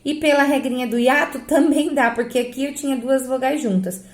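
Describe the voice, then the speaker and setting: Brazilian woman teacher, higher voice, step-by-step grammar explainer, echoey room. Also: fairly quick. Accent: Brazilian Portuguese. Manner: explains step by step, asks herself rhetorical questions. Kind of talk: grammar lesson correcting exercises.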